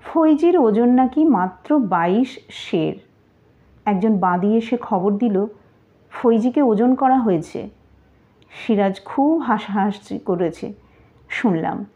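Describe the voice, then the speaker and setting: A woman narrating a historical novel in the first person, with a measured, grave delivery. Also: medium pitch, lively intonation, mellow. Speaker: audiobook narrator. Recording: tinny phone-like audio.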